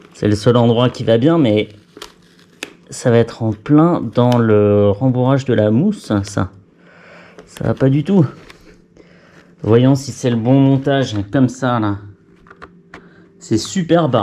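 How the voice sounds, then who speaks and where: Male vlogger, self-mocking running chatter while working, mellow tone, faint noise floor. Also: medium pitch. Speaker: vlogger fitting a helmet intercom. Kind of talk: casual talk to camera while working.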